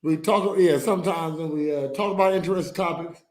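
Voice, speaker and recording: Man, podcast host, casual chat, rambling with fillers, slightly high voice. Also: a little fast. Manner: rambling, many filler sounds and restarts.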